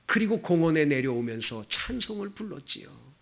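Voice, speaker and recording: Gravelly korean-church pastor guy, lively swinging pitch, tinny phone-like sound. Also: normal speed. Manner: emotional, swinging from soft murmurs to fervent high cries. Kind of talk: sermon. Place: church sanctuary.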